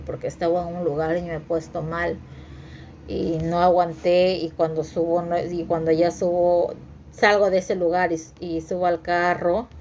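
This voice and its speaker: Woman, low voice, halting and repetitive, faint background noise. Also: warm tone. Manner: halting, repeats words, many fillers. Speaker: vlogger sharing her story. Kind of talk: personal storytelling to viewers.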